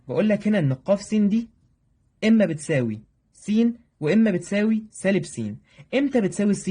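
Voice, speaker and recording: Fast-talking Egyptian math teacher. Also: male voice, high-pitched, dark tone, slightly rough. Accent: Egyptian Arabic. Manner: brisk, joking, talks to students directly. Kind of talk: exam review lesson.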